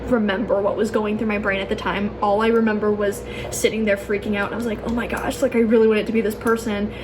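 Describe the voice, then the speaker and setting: A young adult woman telling a personal story casually, as a vlogger, in a chatty, gushing way full of filler "like"s and exclamations. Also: mid-range voice. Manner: chatty, gushing, peppers talk with "like" and "oh my gosh". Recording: clear background noise.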